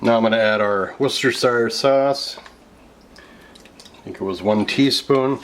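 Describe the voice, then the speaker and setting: A slightly slow, somewhat bright, medium-pitched voice belongs to an American man in his fifties acting as a casual cooking show host. Indoors in a home kitchen, he explains the recipe step by step in a chatty, explanatory tone, with clear clatter and noise in the background.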